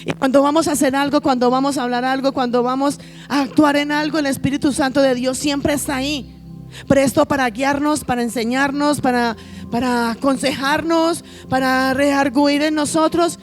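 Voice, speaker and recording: A woman pastor with a high voice preaches a sermon, pressing each point by repeating her phrases and calling the congregation her children. Faint music plays behind her. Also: fairly even intonation, normal speed. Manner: emphatic, repeats phrases, addresses listeners as children.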